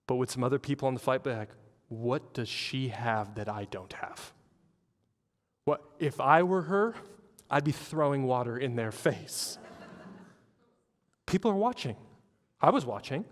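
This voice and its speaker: A man preaching a sermon as pastor, animated, acting out the people in his stories. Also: a little high, in a large hall. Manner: animated storytelling with acted-out quotes. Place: church hall.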